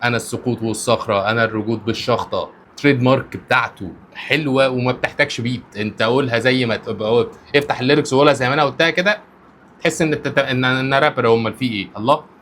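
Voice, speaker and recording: A man with an Egyptian accent giving casual, excitable reaction commentary on a rap album and swearing oaths often. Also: mid-range voice, very fast, slight background noise. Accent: Egyptian Arabic. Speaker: rap reviewer, content creator.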